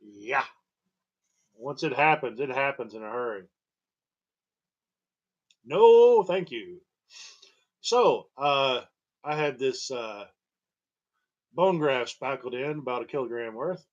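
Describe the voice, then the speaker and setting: A wry man, storyteller and host, rambles through a personal monologue about his own medical history, halting and digressing while chuckling at grim details. His medium-pitched voice has lively intonation, and the sound is muffled and lo-fi.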